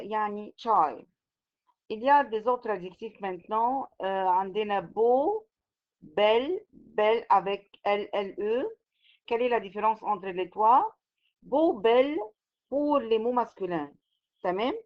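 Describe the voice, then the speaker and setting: Woman teacher with Egyptian Arabic accent, lo-fi sound. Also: medium pitch. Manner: switches between French and Arabic with English glosses; slow, repetitive explaining. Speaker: French teacher. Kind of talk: classroom lesson. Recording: slightly dull lo-fi recording.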